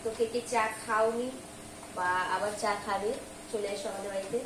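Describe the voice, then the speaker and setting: Middle-aged woman, hurried rambling vlog chat, recorded off-mic in a noisy, echoey kitchen. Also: mid-range voice, fairly even intonation. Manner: chatty and rambling, admits she talks hurriedly and mixes up words. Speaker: vlogger. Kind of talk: casual home cooking vlog chat. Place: home kitchen, cooking on a gas stove. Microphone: camera held by her husband at some distance. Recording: roomy, distant and noisy home recording.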